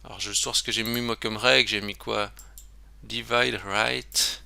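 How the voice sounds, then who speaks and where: A man's voice: on the low side, level tone, fast talker, vocal fry, pushed and bright, no room sound. A man giving a casual screen-recorded web tutorial, chatty and self-interrupting, with lots of fillers.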